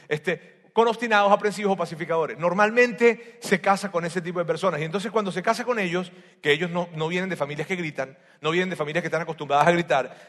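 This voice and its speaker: A man preaching a sermon on family life. He talks in an animated way, repeats his phrases, and swings from loud bursts to soft asides. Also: sits high. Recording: long hall reverb.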